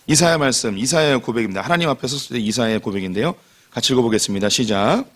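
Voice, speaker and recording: A man delivering a sermon as pastor. His voice sits at a middle pitch. He speaks loosely and informally, circling back over his points and piling up repetitions rather than reading a polished text. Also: animated, very fast, fairly bright tone. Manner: conversational, informal, repeats himself often.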